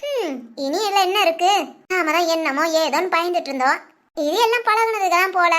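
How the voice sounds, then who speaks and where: A woman's voice: extremely high pitch, lively intonation, a little fast, fairly bright tone. A woman acting a nosy, gossiping village woman who pries and wheedles. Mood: muttering aside.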